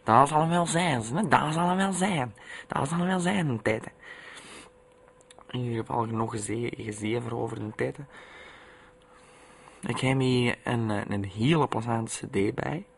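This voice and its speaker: A man with a Flemish accent hosting a radio show, rambling and repeating himself in gruff dialect. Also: mid-range voice, normal speed, long pauses. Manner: repetitive, tacks "hè" onto lines, gruff dialect. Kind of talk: rambling comic radio monologue.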